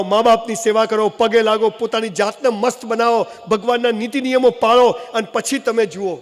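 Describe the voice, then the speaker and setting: A man from Gujarat, India, giving a humorous motivational speech, telling animated stories with jokey asides. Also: high-pitched. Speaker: motivational speaker. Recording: long hall reverb, faint noise.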